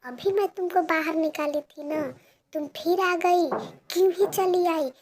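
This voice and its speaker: A woman voicing a cruel stepmother who scolds and yells in a cartoon story. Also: high voice, fairly even intonation, moderate pace, voice pushed up, close to an everyday voice. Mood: angry shouting. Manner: yelling, scolding.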